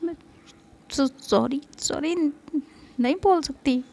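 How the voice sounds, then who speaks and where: Woman doing a stubborn young girl, defensive, hesitant, kinda high and slow. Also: vocal fry, a little mellow, full character voice.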